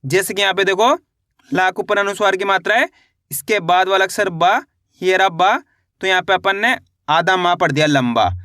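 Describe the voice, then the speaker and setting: A man teaching reading in a video lesson, drilling each sound with repeated questions and slow model words. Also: sits high, bright, forceful tone, no echo, studio quality. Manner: repetitive call-and-response drilling, drawn-out model words. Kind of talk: classroom-style video lesson.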